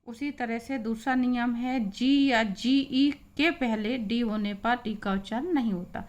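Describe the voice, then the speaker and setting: A woman teaching English pronunciation, patiently spelling out example words and repeating each one slowly. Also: fairly high pitch. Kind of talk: slow spoken pronunciation lesson.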